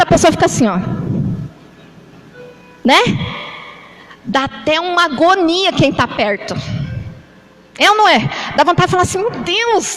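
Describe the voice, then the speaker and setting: A woman with a Brazilian Portuguese accent preaching a church sermon, talking conversationally and often checking in with the congregation with quick tag questions. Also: very high voice, a bit bright, low-quality recording. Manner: demonstrates with gestures while talking.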